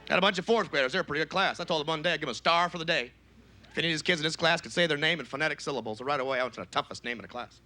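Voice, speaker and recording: A man doing a stand-up comedy routine, jumping into loud high-pitched voices when he quotes people. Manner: shouts high falsetto quotes of other people.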